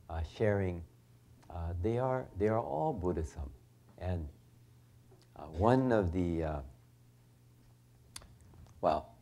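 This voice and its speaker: A man giving a relaxed, rambling Buddhist lecture with chuckling asides. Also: fairly low pitch. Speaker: Buddhist minister. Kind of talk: informal Dharma lecture.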